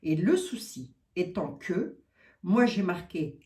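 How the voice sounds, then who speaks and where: In a fairly low, mellow, sing-song voice, a woman psychic speaks slowly to camera, casual and a bit flustered, with laughter breaking up her sentences. The recording sounds like an echoey room.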